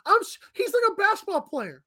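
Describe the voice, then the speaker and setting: A woman's voice: very high voice, sing-song, brisk, pushed and bright. A woman co-hosting a sports talk show, blunt and frank, who also reads the sponsor spots.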